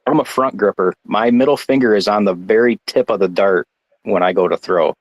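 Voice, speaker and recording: A man from Michigan chats casually about his game as a guest, stumbling through restarts and fillers. His voice sits fairly low. The sound is dry and close, with almost no room in it. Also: dry recording, low-quality recording. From Michigan, United States. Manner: halting, many restarts and fillers. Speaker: guest darts player. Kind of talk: casual chat.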